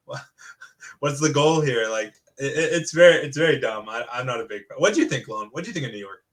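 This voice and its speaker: A man's voice: medium pitch, animated, fast, a bit bright, slight background noise. A young man hosting a casual podcast chat, asking lots of questions, joking and laughing easily. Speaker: podcast host.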